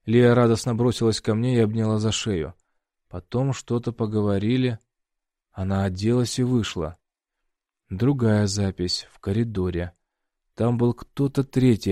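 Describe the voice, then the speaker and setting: A man narrating a first-person fiction audiobook in a steady storytelling read. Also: lowish voice, no echo, clean studio sound.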